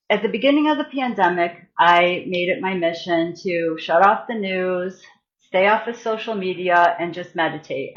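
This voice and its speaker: A woman with a lowish voice, heard through dull audio, talks casually on a live stream as a spiritual healer and massage therapist. She leads a guided meditation in a chatty, halting way, full of fillers and restarts.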